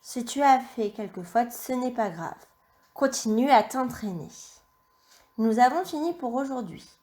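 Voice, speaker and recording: Slow, deliberate teacher woman dictating. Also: fairly high pitch, expressive, a little mellow. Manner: slow and deliberate, spelling out letters and syllables. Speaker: primary school teacher. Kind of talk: slow dictation lesson for young children.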